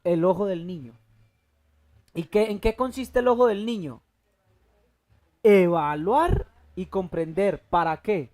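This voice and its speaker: A preacher teaching a Bible class, often stopping to ask the listeners to fill in the word and slowly repeating the key terms. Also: medium pitch, lively intonation, darkish tone. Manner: asks the congregation fill-in questions, repeats key words slowly; halting restarts, thinking aloud. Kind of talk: church teaching sermon.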